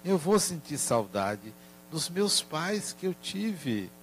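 A man voicing his sad four-year-old grandson in a soft, halting, tearful way, in a spoken story. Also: on the high side, big pitch swings, slight background noise.

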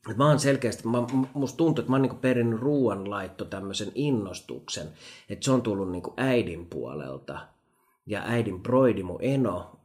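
Lively man, echoey room. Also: lowish voice. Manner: animated storyteller, laughs often, many fillers. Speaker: podcast co-host. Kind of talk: casual chat.

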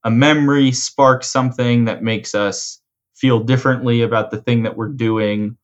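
A man in a conversational coaching role, explaining ideas in a measured way and rephrasing his points. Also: medium pitch, fairly even intonation, lo-fi sound. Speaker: host and coach explaining mental frameworks.

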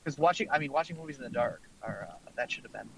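Fast-talking teasing man. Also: mid-range voice, animated, vocal fry, fairly bright tone, slight background noise, poor audio. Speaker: podcast co-host. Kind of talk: casual group chat.

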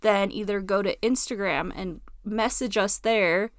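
A woman's voice: mid-range voice, unhurried, no room sound, studio quality. A young woman co-hosting a podcast, chatting casually with lots of giggles and fillers. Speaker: podcast co-host. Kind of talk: casual chat.

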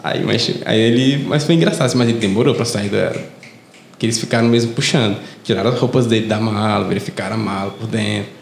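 A young Brazilian man speaks with a Brazilian Portuguese accent and a gravelly rasp in his voice, chatting casually as a podcast guest. He tells animated stories, slipping into quick impressions of other people. The room around him is echoey, with a faint hum of ambience. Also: fairly low pitch. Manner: animated storyteller who mimics voices. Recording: roomy echo, faint ambience.

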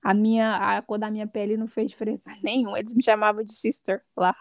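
A woman guest on a podcast, telling her stories in a casual, lively way and laughing often. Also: medium pitch, quick pace, no room sound, clean studio sound. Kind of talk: casual conversational storytelling.

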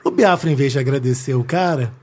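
A man's voice: medium pitch, fast, a little mellow. A man, a staff member eagerly telling a backstage anecdote. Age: 30s.

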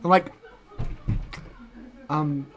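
A man's voice: a little high, steady tone, very slow, fairly bright tone, a little hiss or hum. A teenage boy, casually reading facts aloud as a co-host, goofy and often stumbling over words.

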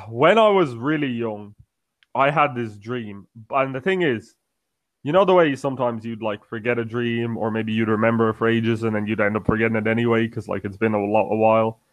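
A man's voice: mid-range voice, normal speed, no echo. Rambling young podcast host guy. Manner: rambling, self-interrupting storyteller. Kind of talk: casual chat.

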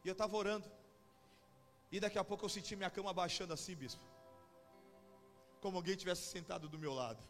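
A man's voice: sits high, fast, long pauses. A pastor with a São Paulo Brazilian accent preaching a testimony sermon, telling his story with rising intensity. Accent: Brazilian Portuguese, São Paulo. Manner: storytelling, building to shouting. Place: church conference hall. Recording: live hall with long reverb and music.

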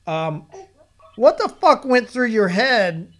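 A man's voice: high voice, big pitch swings, slow, a bit bright. A man in his forties hosting a casual interview, rambling through his questions and laughing often. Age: 40s. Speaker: podcast host.

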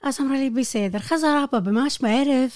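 Animated woman with Hebrew. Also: high-pitched, no room sound. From Negev, Israel. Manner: animated, acts out quoted dialogue, non-native Hebrew grammar slips. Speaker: interviewee, Bedouin tour guide. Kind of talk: personal storytelling in conversation.

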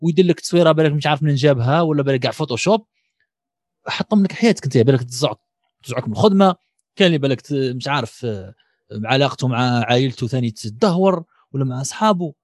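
A man with an Algerian accent making his points in an animated, argumentative casual discussion, piling up everyday examples. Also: mid-range voice, rapid-fire, no echo, studio quality. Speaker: discussion participant.

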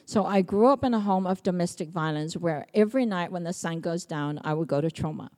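A middle-aged woman from Samoa giving a personal testimony sermon, telling stories in a lively way and acting out quoted speech. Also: lowish voice, fairly quick. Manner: lively storytelling, acts out quotes, laughs often. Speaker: preacher.

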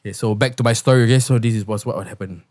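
A young Singaporean man hosting a podcast, chatting and telling personal stories in an animated, slangy way. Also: on the low side, rapid-fire. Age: young adult. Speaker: podcast host. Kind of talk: casual chat and personal storytelling. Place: podcast studio.

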